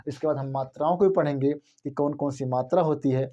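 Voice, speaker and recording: A man's voice: a little high, a little fast, mellow, lo-fi sound. A male Hindi teacher giving an explanatory lesson, repeating his points and asking himself rhetorical questions.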